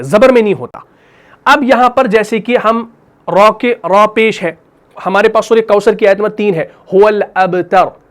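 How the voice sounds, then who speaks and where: A man with an Urdu accent teaching a tajweed lesson, explaining step by step, asking and answering his own questions, and slowing into drawn-out melodic recitation for each verse. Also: high voice.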